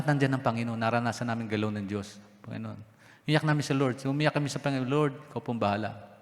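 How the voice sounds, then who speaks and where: A middle-aged man from the Philippines, a pastor, preaching a sermon and telling a personal testimony, with emotional storytelling and heartfelt prayer. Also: on the low side. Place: church sanctuary. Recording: reverberant church sanctuary.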